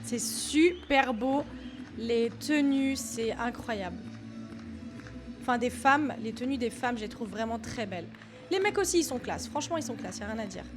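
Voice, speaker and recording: A woman's voice: on the high side, expressive, moderate pace, music in the background. A woman hosting a casual dance reaction vlog, chatty and exclamatory, talking with lots of fillers. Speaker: dance video host.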